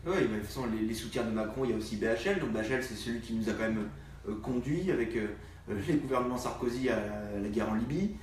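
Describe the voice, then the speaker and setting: A man, a party activist, speaking in a live political discussion, halting with many fillers. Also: mid-range voice, a little hiss or hum. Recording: distant echoey room sound.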